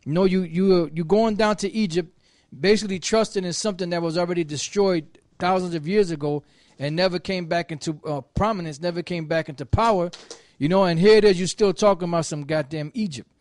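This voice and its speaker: Man, high voice, scripture reading, scolding, hesitant fillers, dry sound. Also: brisk, darkish tone, no room sound. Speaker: speaker in a religious open forum.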